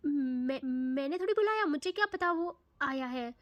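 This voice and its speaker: A woman's voice: sits high, expressive, normal speed, fairly bright tone, lo-fi sound. A woman voicing a pampered, pouty young woman. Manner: pouty and indignant.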